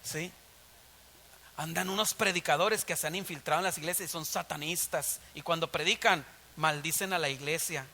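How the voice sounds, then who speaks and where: A man with a Mexican Spanish accent preaching a sermon as pastor, animated and full of rhetorical questions. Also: on the high side, normal speed, big-room sound, a little hiss or hum.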